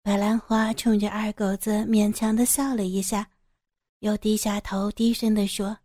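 A woman reads a serialized audio story in a calm, steady way. Her voice is mellow and sits in a mid range. The sound is close and dry. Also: medium pitch, normal speed, no echo. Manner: calm, steady, descriptive reading. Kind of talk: scripted audio story narration.

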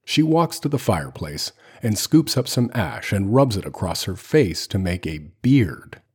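Husky, low-voiced man reading a script. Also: very animated, a little slow, darkish tone. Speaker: host reading a screenplay. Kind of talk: screenplay read-through and commentary.

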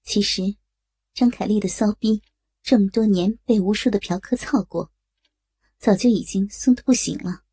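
A woman narrating an explicit adult audio story in a steady, matter-of-fact reading voice. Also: medium pitch, moderate pace, breathy edge, no echo. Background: faint music.

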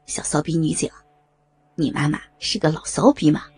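A woman voicing a menacing, gloating male criminal in an audio story, in a low, hissing, sneering delivery. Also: moderate pace, darkish tone, soft background music. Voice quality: gravelly, raspy. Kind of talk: audio drama reading.

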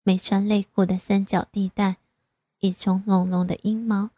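A woman reading a first-person story aloud in a slow, even way. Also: medium pitch, dry recording. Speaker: narrator.

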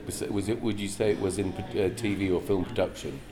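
A man's voice: low voice, fairly even intonation, fast, music in the background. A man hosting a casual podcast interview, asking questions and reacting briefly. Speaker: podcast host. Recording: crowd chatter behind. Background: crowd noise.

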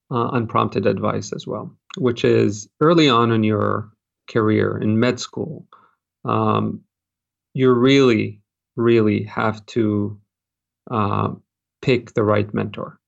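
A man from Jordan, a cardiologist, giving measured advice in an interview with many fillers and restarts. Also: lowish voice, creaky, lo-fi sound. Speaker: cardiologist, fellowship program director.

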